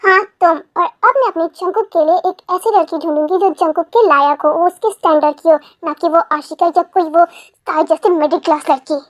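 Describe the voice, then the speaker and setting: One reader voicing a domineering old grandmother, very high voice. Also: fairly even intonation, brisk, no room sound. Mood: scolding. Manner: bossy, lecturing. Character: domineering elderly grandmother, stern and scolding. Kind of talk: fan audio drama.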